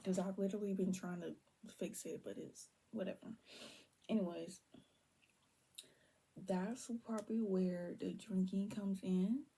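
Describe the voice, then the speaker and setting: A young woman giving a casual tarot reading to viewers, keeping her voice down and slipping between low talk and soft whispers. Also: steady tone, measured pace, creaky, slight background noise. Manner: holds her voice down on purpose. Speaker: tarot reader.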